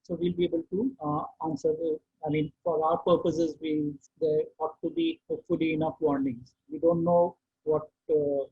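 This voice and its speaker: Husky Indian man on a tinny line. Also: a little high, lively intonation. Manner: halting, deliberate, repeats words. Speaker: host of an online market outlook session. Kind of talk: unscripted question-and-answer commentary. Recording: tinny phone-like online call.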